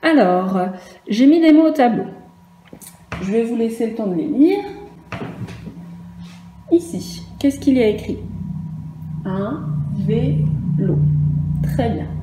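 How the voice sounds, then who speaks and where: A woman's voice: on the high side, lively intonation, measured pace, pauses often. A woman teaching phonics to young children in a remote lesson, spelling out letters one at a time with patience. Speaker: primary school teacher. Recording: echoey room with faint noise.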